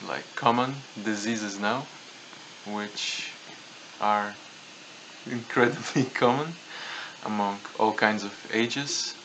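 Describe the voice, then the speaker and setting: A man's voice: on the low side, fairly even intonation, slow, bright, forceful tone, poor audio. A young man with a Latvian accent speaks as a guest in a casual podcast discussion. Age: young adult. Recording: clear background noise, room ambience.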